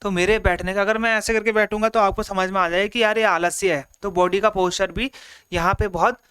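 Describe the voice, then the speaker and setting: A man's voice: sits high, steady tone, a little fast, pushed and bright, clean tone. A man teaching an online exam-prep lecture, explaining step by step, acting out examples and mixing in English terms. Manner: explains in simple repeated steps, acts out examples; mixes Hindi with English terms.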